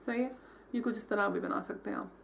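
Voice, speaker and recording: With a mid-range, gravelly voice and a brisk pace, a woman guides viewers through logo design in a screen-recorded software tutorial, with a little hiss or hum in the audio. She mixes English terminology into Hindi and checks understanding with "theek hai" after each step.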